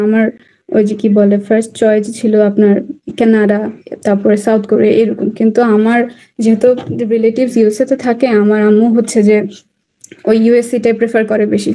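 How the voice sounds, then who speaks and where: A young woman from Bangladesh, a student applicant, chatting excitedly on a video call and slipping English phrases into her talk. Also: a little high. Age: young adult. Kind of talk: casual online interview.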